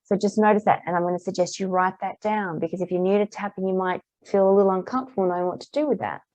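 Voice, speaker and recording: With a slightly hoarse mid-range voice, clearing her throat at times, a woman practitioner leads a tapping lesson at a fast pace. Her guiding phrases are calm and repeated, captured in a dull, muffled, dry recording free of room sound.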